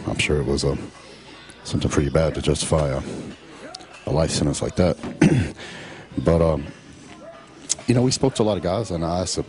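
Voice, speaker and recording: Middle-aged man, rumbling bass voice, relaxed voice-over talk peppered with "uh" and "you know". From Texas. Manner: laid-back, drawn-out with many fillers. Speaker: professional bodybuilder. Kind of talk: casual voice-over narration.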